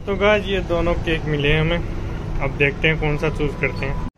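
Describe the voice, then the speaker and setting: A young man filming a casual family vlog, chatting and teasing children loudly as he goes. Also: on the high side, fairly quick, background noise. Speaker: vlogger.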